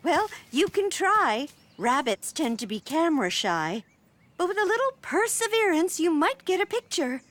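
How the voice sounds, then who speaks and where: A woman voicing a gentle, patient older grandmother in a children's cartoon, explaining things kindly and coaxing the little ones. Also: extremely high pitch, very animated, moderate pace, no echo, exaggerated voice. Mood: encouraging. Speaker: grandmother character. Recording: cartoon soundtrack with music beneath.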